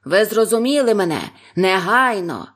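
A woman's voice: medium pitch, animated, natural voice. Bluebeard, a woman playing a cold menacing husband. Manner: slow, cold, commanding. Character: menacing man, cruel bearded husband.

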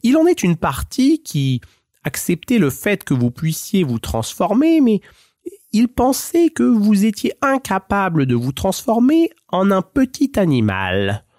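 A man voicing a sly male talking cat in a storybook who speaks in a courtly, flattering way. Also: high-pitched, measured pace, no room sound, clean studio sound, voice pushed up.

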